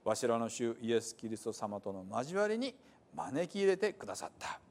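A man's voice: mid-range voice, very animated, normal speed, a little mellow. A man reading scripture aloud in a Hiroshima dialect, earnest and emphatic.

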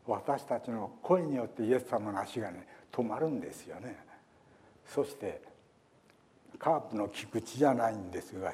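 Older man, pastor, folksy sermon, warm mellow voice. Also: lowish voice. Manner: folksy, chatty, acts out quotes.

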